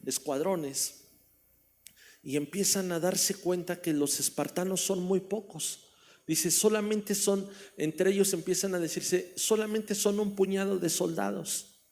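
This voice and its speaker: A man's voice: fairly high pitch, a little mellow. A man with a Mexican Spanish accent preaching a sermon as pastor, telling a story and asking the congregation questions. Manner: storytelling, repeats phrases, asks the congregation questions. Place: church hall.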